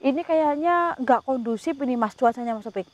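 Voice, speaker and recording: Higher-voiced woman coaxing a spirit outdoors. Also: animated, a little fast, darkish tone, no echo. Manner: coaxing and pleading with a spirit, muttering prayers. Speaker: ghost hunter. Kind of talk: paranormal investigation commentary. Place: outdoors at night before rain.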